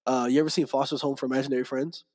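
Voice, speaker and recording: Racing through his stories, a young podcast guest with a medium-pitched voice chats casually. He acts out what people said, animated and laughing often.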